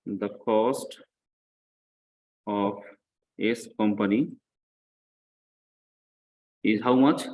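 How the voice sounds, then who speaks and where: Explaining a worked example to his class, a male accounting lecturer teaches didactically, restating the main points and regularly asking brief check-in questions. His voice sits in the mid range, and the recording quality is poor.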